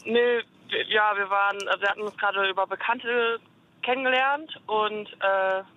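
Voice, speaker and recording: A woman's voice: medium pitch, fairly even intonation, moderate pace, sharp tone. A woman calling into a radio show on a hands-free phone from her car, answering in short, hesitant bits with fillers. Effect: hands-free phone call from a moving car. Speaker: caller. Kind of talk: call-in radio chat. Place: car on the road. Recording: dull lo-fi phone line.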